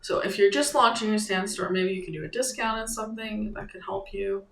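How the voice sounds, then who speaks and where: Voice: medium pitch, a bit bright. An online creator coaching viewers through a website setup in a casual screen-share tutorial, talking loosely and thinking aloud. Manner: loose and halting, thinking aloud while clicking through steps. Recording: echoey room with faint ambience.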